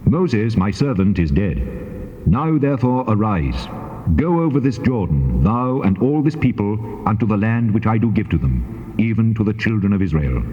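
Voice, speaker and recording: A deep, reverberant voice of God. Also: male voice, sing-song. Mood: solemn, commanding. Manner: solemn, measured, commanding. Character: the Lord God, commanding, solemn divine voice. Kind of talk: dramatized King James scripture reading. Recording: muffled, long cavernous reverb.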